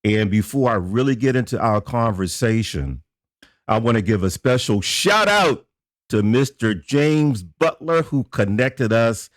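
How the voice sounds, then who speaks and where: A man's voice: medium pitch, lively intonation, unhurried, no echo, studio quality. A man hosting a podcast interview, playful and teasing with his guest. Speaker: podcast host. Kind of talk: casual interview talk.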